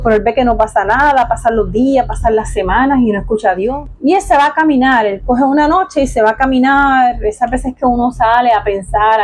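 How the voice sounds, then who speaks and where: A middle-aged woman preaching a sermon, telling stories expressively and swinging between raised and hushed delivery. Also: fairly high pitch.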